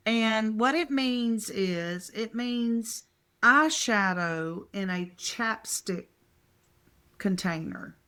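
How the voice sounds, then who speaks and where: A woman's voice: medium pitch, pushed and bright, clear, resonant tone. An older woman co-hosting a podcast from a hotel room, rambling through stories with restarts. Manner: slow, rambling storyteller with restarts. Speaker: podcast co-host. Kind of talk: casual chat.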